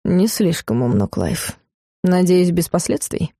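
Woman reading as a calm, ironic middle-aged father, low dark voice, dry close sound, audiobook reading. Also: unhurried, breathy edge, dry recording, full character voice.

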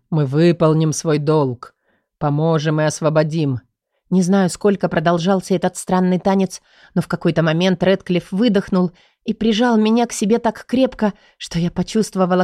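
A woman narrating a first-person audiobook in an even, measured storytelling manner. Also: on the low side, no echo, clean studio sound.

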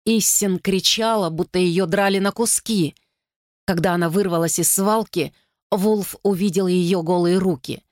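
A woman narrates an audiobook with a steady, dramatic delivery. Her voice is fairly low, and the recording is close and dry with no room sound. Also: unhurried, dry recording. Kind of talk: scripted narration.

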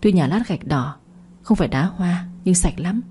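A woman voicing a humble, polite older village man who speaks low and carefully. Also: expressive, normal speed, mellow, slight background noise, natural voice. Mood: cautious.

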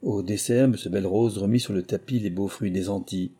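A man narrating memoirs as an audiobook, in a measured storytelling manner. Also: lowish voice, dark tone, husky.

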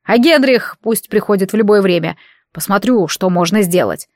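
A woman's voice: medium pitch, lively intonation, moderate pace, dry recording, clean studio sound, natural voice. A woman voicing a vain, middle-aged male warlock who grumbles and speaks with wounded pride. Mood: grumbling. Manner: grumbling and proud.

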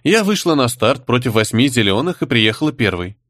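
A man reading the part of a composed young woman who answers an interrogation calmly and with pointed defiance. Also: medium pitch, dry recording, studio quality. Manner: calm, measured, pointed.

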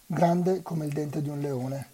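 A volunteer reader voicing a calm, capable teenage boy in a novel read aloud, speaking in a steady, reassuring way. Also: medium pitch, moderate pace, breathy edge.

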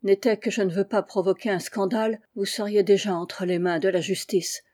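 A woman's voice: medium pitch, steady tone, normal speed, dark tone, lightly acted. A woman voicing a battered male friend in a storybook reading, speaking with difficulty through swollen lips. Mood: grave. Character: alarmed middle-aged male friend, bruised.

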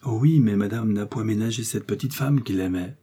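A man's voice: on the low side, fairly quick, mellow, slightly rough. A man voicing a naive, infatuated young chambermaid who talks in eager exclamations. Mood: gossipy.

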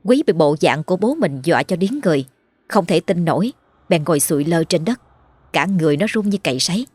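Husky woman narrating a horror story. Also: on the low side, expressive, a little fast, darkish tone, dry recording. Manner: dramatic, vivid storytelling. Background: faint music.

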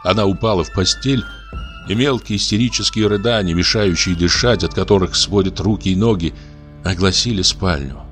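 A man narrating a literary story in a measured, expressive reading. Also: low voice, soft background music. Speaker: audiobook narrator.

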